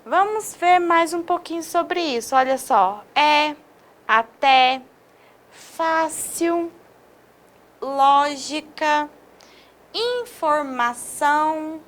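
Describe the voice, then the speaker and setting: A woman's voice: extremely high pitch, fairly bright tone. A woman from Brazil teaching an online video lesson, drawing out example words and often checking in with her listeners. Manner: slow, stresses syllables, drawn-out example words.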